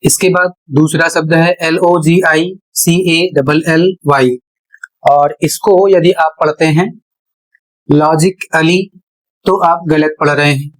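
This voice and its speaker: Slow, deliberate male teacher spelling words. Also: a little high, fairly even intonation, poor audio. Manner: deliberate, spells out words letter by letter, asks and answers his own questions. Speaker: English pronunciation teacher. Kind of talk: classroom-style lesson at a board.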